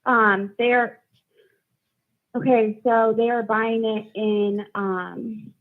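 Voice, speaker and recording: A woman's voice: a little high, fairly even intonation, extremely slow. A woman calling in to a live stream for a casual political discussion, rambling and searching for words, on narrow call audio.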